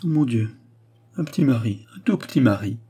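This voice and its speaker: A man's voice: mid-range voice, normal speed, dark tone, slightly rough, lightly acted. A man playing a timid, doting father. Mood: tender. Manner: mild, embarrassed, timid. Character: gentle hesitant older father, doting. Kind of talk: audiobook character reading.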